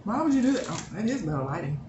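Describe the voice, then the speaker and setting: Blunt, joking mom in an echoey room. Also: female voice, fairly low pitch, very fast, muffled recording. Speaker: mother and channel host. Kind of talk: casual mukbang chat. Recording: echoey room with steady background noise.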